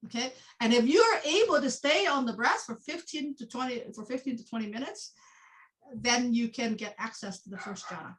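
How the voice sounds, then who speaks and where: A woman's voice: a little high, moderate pace, rough recording. A woman teaching a meditation class, explaining with frequent laughs and many restarts. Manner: animated, laughs often, repeats and restarts.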